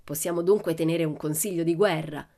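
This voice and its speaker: A woman voicing a bold, cheeky girl adventurer who talks in a lively, boastful, playful way. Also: deep voice, brisk. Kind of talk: audiobook character voice.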